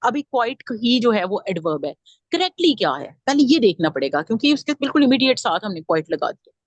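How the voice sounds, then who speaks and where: A woman with a fairly high voice leads a grammar lesson. She explains each point step by step and keeps asking her class questions. The recording is dry and close. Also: big pitch swings, fairly quick, dry recording, muffled recording. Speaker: grammar teacher.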